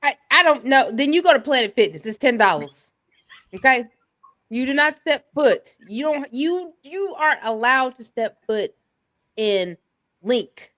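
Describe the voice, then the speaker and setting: Sassy, animated woman co-host. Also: sits high, a little slow, dry recording. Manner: sassy, emphatic, indignant. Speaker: podcast co-host. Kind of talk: casual sports chat.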